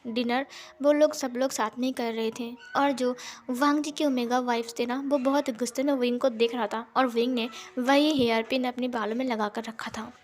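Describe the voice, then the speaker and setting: A woman narrating a fan-fiction story in a lively, conversational way. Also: fairly high pitch, moderate pace.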